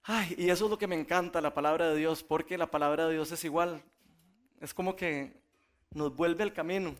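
A man preaching a sermon, telling stories in a relaxed, conversational way and often laughing. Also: on the high side, normal speed.

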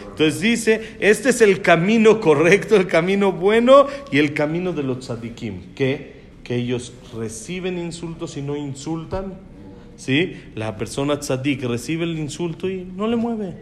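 A man's voice: a little high, lively intonation, measured pace, slight background noise. A man giving a conversational religious lecture and asking his students questions along the way. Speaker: religious teacher.

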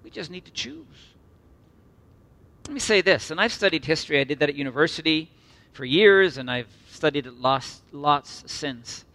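Earnest, bright-voiced male preacher. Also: fairly high pitch, animated. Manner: earnest, emphatic, with slow repeated phrases and sudden soft drops. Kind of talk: sermon.

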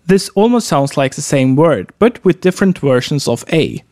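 A man teaching a pronunciation lesson, demonstrating vowel sounds slowly and carefully in a friendly way. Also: a little high, very animated, warm tone, dry recording, studio quality. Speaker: language teacher.

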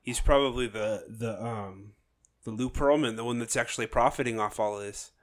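A man's voice: mid-range voice, moderate pace. Offhand man in casual conversation. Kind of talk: casual chat.

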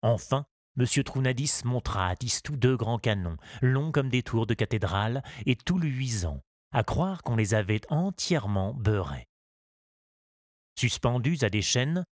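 A man narrating a children's story in a measured, expressive reading. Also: medium pitch, dry recording, studio quality.

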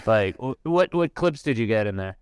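A man's voice: lowish voice, lively intonation, normal speed, clean tone, dry recording, clean studio sound. A man co-hosting a casual podcast, eager and chatty, jumping in with stories. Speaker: podcast co-host.

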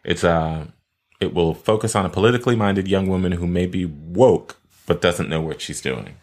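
A man with a low-pitched voice talks casually as a podcast co-host. His delivery is conversational, suited to easy back-and-forth chat. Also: moderate pace. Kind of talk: casual pop culture chat.

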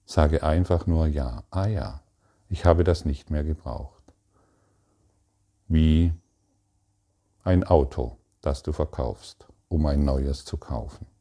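A man giving a calm, meditative spiritual talk, speaking to the listener directly and asking probing questions in halting phrases. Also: very deep voice. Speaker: spiritual teacher.

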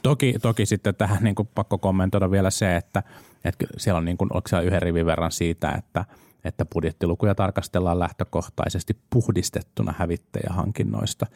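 Low, gravelly man speaking hesitantly. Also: steady tone, a little mellow, no room sound. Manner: hesitant, repeats words when starting points. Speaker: discussion participant. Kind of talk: casual policy discussion.

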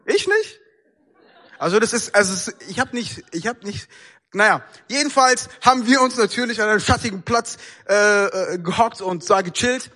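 A young man preaching a sermon in a casual, storytelling way, acting out the dialogue of his story in lively voices. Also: sits high, moderate pace. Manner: casual, slangy speech.

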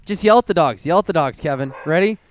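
A man's voice: fairly high pitch, lively intonation, fast talker. A man co-hosting a podcast, teasing his friend in crude casual chat, swearing and laughing often. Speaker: podcast co-host.

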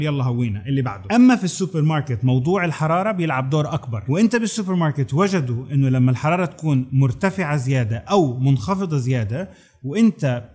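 A man's voice: a little high, a little mellow, breathy edge. A man with a Levantine Arabic accent presenting a conversational explainer, addressing the listener directly with rhetorical questions. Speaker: video presenter.

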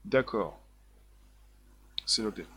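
A man's voice: fairly low pitch, expressive, slow pace, bright, forceful tone, breathy edge. A man hosting a live stream, talking emphatically and repeating himself, with many fillers as he reads out viewer comments. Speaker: livestream host.

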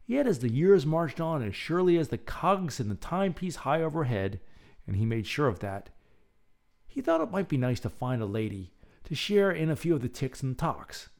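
A man in the role of bedtime storyteller and relaxation guide, speaking in a soothing, measured, expressive way. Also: medium pitch.

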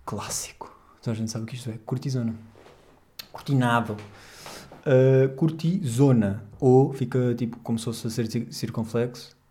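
Young portuguese guy hosting a podcast, rambly and jokey, warm mellow voice, middle pitch. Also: flat delivery, brisk. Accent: European Portuguese. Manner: rambling, jokey, slangy, with frequent fillers. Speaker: podcast host. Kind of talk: casual podcast chat.

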